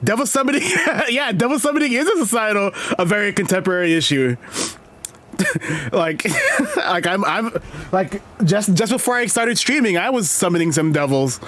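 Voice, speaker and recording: A man's voice: sits high, expressive, moderate pace, fairly bright tone. A man streaming live, reading reviews aloud and reacting with rambling jokes and frequent laughter. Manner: rambling, joking, laughs often.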